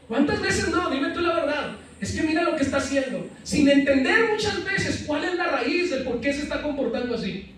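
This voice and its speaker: A man preaches from a pulpit in a very high voice that rings through a cavernous, echoing church. He picks up the sound from a distance and keeps throwing questions out to the congregation. Now and then he slips in playful asides between points. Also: a bit bright. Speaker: pastor. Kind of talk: sermon. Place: church sanctuary. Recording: very echoey church hall, mic at a distance.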